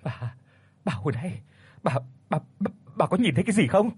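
A frightened elderly village official stammers out his words in a ghost story, as a male narrator puts him on. His husky voice leaps up high and swings wildly in pitch. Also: sing-song, fairly quick, darkish tone, no room sound, exaggerated voice. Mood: stammering panic. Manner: stammering, panicked.

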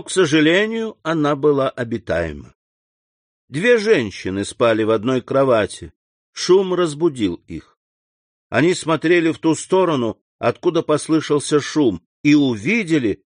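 A man narrates a classic novel in a measured, expressive reading. His voice sits at a middle pitch. The recording is dry, with no room sound. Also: no room sound. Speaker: audiobook narrator.

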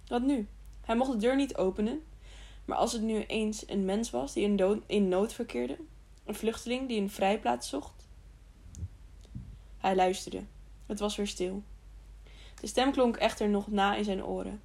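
A woman's voice: mid-range voice, measured pace, vocal fry, a little mellow. A woman narrating an audiobook of a children's novel, reading steadily with occasional slips and restarts.

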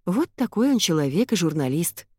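A woman reading a first-person audiobook in an expressive, excitable manner. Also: lowish voice, moderate pace, husky, no room sound. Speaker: audiobook narrator.

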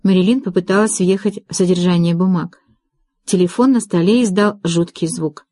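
A woman narrating an audiobook in an even storytelling manner. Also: lowish voice, moderate pace, dry recording, studio quality. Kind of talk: scripted narration.

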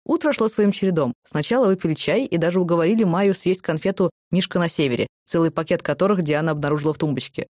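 A woman reading scripted audiobook narration in an even storytelling way. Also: on the low side, quick pace, few pauses, dry recording, clean studio sound.

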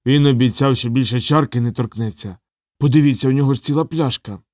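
A man's voice: mid-range voice, fast, darkish tone, no echo, studio quality, lightly acted. A man voicing a fussy, worried older male sergeant of the city watch. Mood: fretting.

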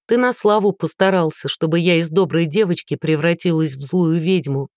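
A woman voicing a sharp-tongued, scornful young woman who answers with biting mockery. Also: on the low side, normal speed, dry recording, clean studio sound, lightly acted. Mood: mocking. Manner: mocking, biting.

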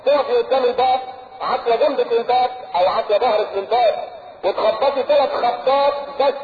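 Egyptian male preacher, quick and animated, very high pitch, roomy lo-fi lecture recording. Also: a little hiss or hum. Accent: Egyptian Arabic. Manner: lively, animated, acts out little dialogues. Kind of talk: sermon lecture. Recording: echoey hall, tinny old tape.

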